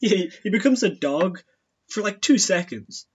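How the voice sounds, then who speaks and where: Male co-host with a slightly high, husky voice for a casual film review; dry, wry delivery. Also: lively intonation, normal speed, darkish tone.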